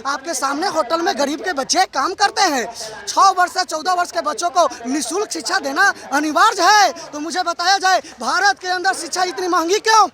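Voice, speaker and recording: Male protester, declamatory speech, very high pitch, crowd noise around. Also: fairly quick. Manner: fiery, declamatory, accusing. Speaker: protester speaking to press.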